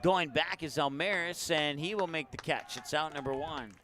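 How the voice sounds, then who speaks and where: A man calling a summer baseball game play-by-play, easygoing and chatty between pitches, with the hiccups. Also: normal speed, pushed and bright. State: has the hiccups. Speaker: play-by-play announcer.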